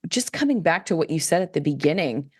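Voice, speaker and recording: Podcast guest, female, low register, lively storyteller who slips into quoted voices mid-sentence. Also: fast, breathy edge. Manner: animated, acts out quoted voices, many "like, you know" fillers. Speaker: guest, children's book author. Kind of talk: casual podcast conversation.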